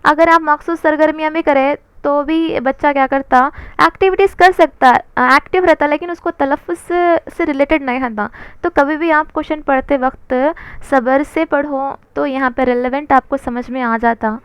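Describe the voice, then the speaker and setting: A woman's voice: sits high, fairly even intonation, fairly bright tone, no echo. A woman teaching an exam-prep lesson, asking questions and answering them herself, with English terms mixed in.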